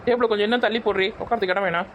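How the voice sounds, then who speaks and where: A woman's voice: medium pitch, steady tone, very fast, dull audio, slight background noise. A woman, bossy and pleading by turns in a comic sketch.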